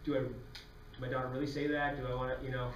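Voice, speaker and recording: A man with a medium-pitched voice talks very fast, acting out voices as he tells comedic stories to a live audience in a lecture hall. The recording is muffled, echoey and distant, with slight background noise.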